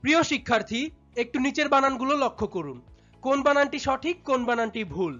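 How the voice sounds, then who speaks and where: A woman narrating a scripted spelling lesson in a measured, explanatory way, speaking directly to students. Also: high voice, expressive, fairly bright tone. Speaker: English spelling teacher. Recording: dull lo-fi sound with faint music.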